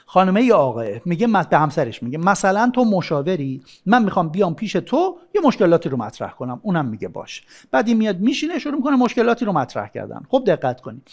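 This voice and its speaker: A man gives a relaxed, conversational lecture with a fairly high voice. His pitch rises and falls a lot as he acts out little example scenes between couples. He sounds like a teacher chatting with his class. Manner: colloquial and animated, acting out little scenes. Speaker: sex educator. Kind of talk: recorded course lecture.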